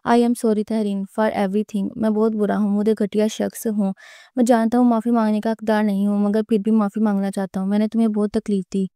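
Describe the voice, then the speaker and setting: Brief: woman voices a pleading, possessive young husband, dark mellow tone, flat delivery. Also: medium pitch, clear, resonant tone, no echo, studio quality, lightly acted. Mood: remorseful.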